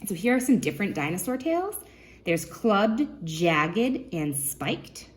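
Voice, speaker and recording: A female children's librarian reads a nonfiction book aloud with lots of expression, stopping now and then to ask her young listeners questions. Her voice sits in the mid-range and is very animated.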